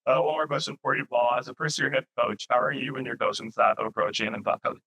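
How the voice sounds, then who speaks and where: A man acting as interviewer, putting questions to players and coach in a brisk, to-the-point way. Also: mid-range voice, bright, forceful tone, husky, rough recording.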